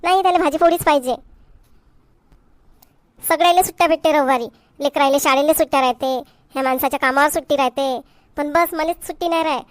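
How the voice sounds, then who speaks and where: In a comedy cartoon, a woman voices a fed-up, hard-working village wife who scolds and complains sharply in a Varhadi Marathi accent from Vidarbha. Her high voice moves fast, lightly acted, on a dry recording.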